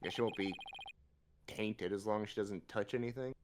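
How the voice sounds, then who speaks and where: A man's voice: on the low side, normal speed, noisy background. A man hosting a gaming show, playfully reading character lines aloud and bantering in a goofy way. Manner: goofy, animated. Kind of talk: playful let's play, dramatic line reading and banter.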